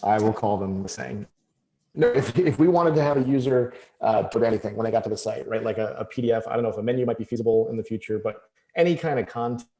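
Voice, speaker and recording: A man's voice: on the low side, fast, mellow. A man on a video call with a bad connection that keeps cutting out, asking hesitant questions with fillers and restarts. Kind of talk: casual work meeting. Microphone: computer mic on a video call. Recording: echoey video call with dropouts.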